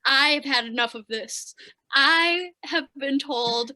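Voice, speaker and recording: A young woman with a Wisconsin accent chats as a guest on a podcast in a casual interview, filling her talk with lots of "like." Her voice is high, bright and pushed, and she speaks slowly.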